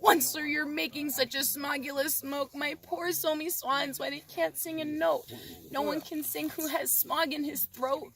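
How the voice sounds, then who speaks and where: A woman's voice: high voice, fairly even intonation, moderate pace, a bit bright, pitched above the performer's own voice. A woman voicing an indignant old forest creature from a storybook, scolding and pleading in rhyme recited by rote.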